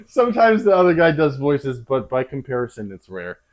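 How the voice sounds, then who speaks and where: Chatty livestream host, lively voice. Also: medium pitch, normal speed. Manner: chatty, laughing, restarts often. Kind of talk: casual chat reacting to a podcast.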